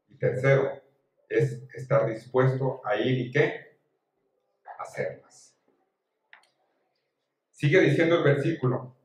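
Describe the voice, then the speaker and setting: A man preaching a sermon in a church, rising to fervent call-and-response questions and dropping to soft, pleading prayer. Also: medium pitch. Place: church sanctuary. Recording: roomy church echo, distant.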